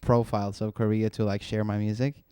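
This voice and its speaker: A young man from Norway, chatting easily as a podcast guest. His voice is very smooth and resonant, close and dry on the mic. He laughs easily and keeps the talk light. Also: lowish voice, level tone, a little fast, dark tone, no room sound. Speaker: touring singer, guest. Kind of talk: casual podcast chat.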